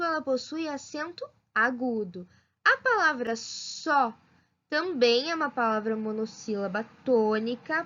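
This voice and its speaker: A woman giving a children's lesson as a primary school teacher, talking slowly and spelling things out clearly. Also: high voice, sharp tone. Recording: dull lo-fi sound.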